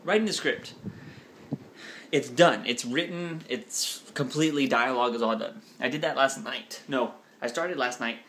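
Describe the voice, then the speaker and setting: A man's voice: medium pitch, moderate pace, fairly bright tone, a little hiss or hum. A young man from the United States chatting casually in a vlog, rambling, joking and cutting himself off mid-sentence. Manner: rambling, jokey, self-interrupting. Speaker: vlogger.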